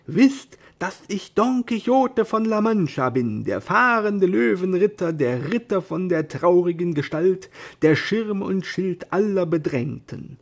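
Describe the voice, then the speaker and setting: A man voicing Don Quixote, a lofty, deluded old knight, declaiming grandly and shouting orders. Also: on the high side, expressive, takes it slowly, breathy edge, heavily acted. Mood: grandiose.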